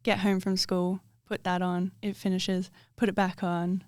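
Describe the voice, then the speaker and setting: A woman's voice: lowish voice, level tone, unhurried, no echo. Casual woman, very dry sound. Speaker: podcast guest. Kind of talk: casual chat.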